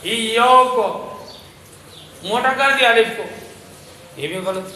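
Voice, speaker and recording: A man's voice: high voice, animated, pushed and bright, slight background noise. A man teaching Quran recitation to a class, explaining patiently and methodically and modeling each phrase in a chant. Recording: roomy class recording.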